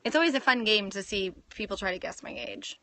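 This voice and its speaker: A woman's voice: medium pitch, animated, fairly quick, sharp tone, dry recording. A woman in her thirties from Canada, hosting a casual fitness livestream, reading viewer comments and laughing often. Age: 30s. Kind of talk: casual live Q&A. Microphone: phone.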